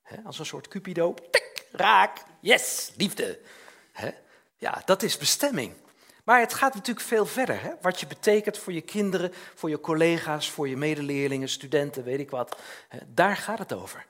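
A man's voice: on the high side, animated, fairly quick, a bit bright. An older man preaching a chatty, informal sermon, often tagging questions onto his sentences and acting out little scenes.

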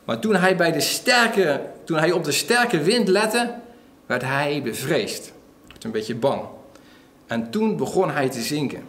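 A man's voice: a little high, unhurried. Preaching man in an echoey hall. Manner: animated retelling with acted quotes, many fillers. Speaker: pastor. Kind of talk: sermon.

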